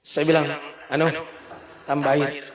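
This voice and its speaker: A man's voice: fairly high pitch, a little slow. A man with a Bugis accent giving a humorous sermon, joking and acting out voices. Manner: animated, jokes and acts out voices. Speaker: preacher. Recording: echoey hall with a crowd.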